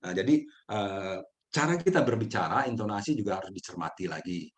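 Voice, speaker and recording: A man speaking gently and unhurriedly as speaker of a mindfulness session, answering audience questions with frequent chuckles. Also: fairly low pitch, expressive, fairly quick.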